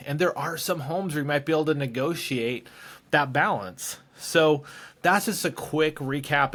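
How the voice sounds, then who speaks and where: A man's voice: medium pitch, a bit bright. A man hosting a real estate podcast, chatting casually with a guest, joking and running through market figures. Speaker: podcast host.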